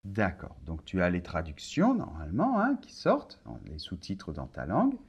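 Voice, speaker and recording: A man's voice: low-pitched, wildly swooping pitch, normal speed, darkish tone, breathy edge, lo-fi sound. A man teaching a French lesson, patiently demonstrating sounds and speaking informally to the learner. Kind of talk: language lesson.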